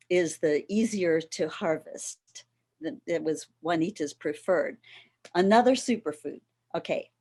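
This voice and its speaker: Middle-aged woman, workshop presenter, lowish voice, very slow and deliberate delivery. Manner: slow, explanatory, with soft laughs. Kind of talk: educational talk on plant foods.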